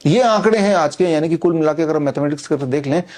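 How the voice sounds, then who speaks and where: A man's voice: on the high side, fast, a little mellow. A middle-aged man giving an insistent, combative monologue straight to the listener, with frequent "uh" fillers as he promotes his books and a training program. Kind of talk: persuasive direct-to-camera monologue.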